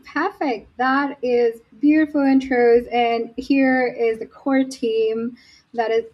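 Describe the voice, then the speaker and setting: A woman's voice: a little high, fairly even intonation, takes it slowly. A woman hosting an online roundtable who puts questions to her guests in an upbeat way. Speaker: host. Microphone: video call. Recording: muffled lo-fi video-call audio.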